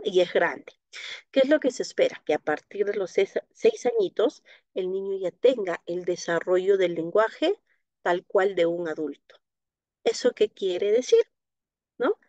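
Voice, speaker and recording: A woman's voice: mid-range voice, animated, unhurried, dry recording, dull audio. A woman teaching a live online class on child speech, explaining patiently and checking in with a frequent "¿no?", in Latin American Spanish. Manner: explanatory, frequent tag "¿no?", soft diminutives. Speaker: speech therapy instructor. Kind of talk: live online class, answering viewer questions.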